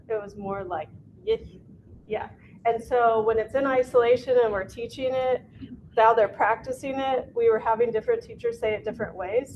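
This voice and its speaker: A woman's voice: a little high, dull audio, slight background noise. A woman co-trainer adding points casually to a teacher training presentation, with fillers.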